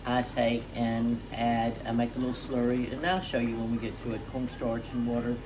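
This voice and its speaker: With a rumbling low voice, flat delivery and moderate pace, a middle-aged, motherly cook gives a casual cooking demonstration. She's chatty and homey, full of "uh"s, with a noisy kitchen behind her.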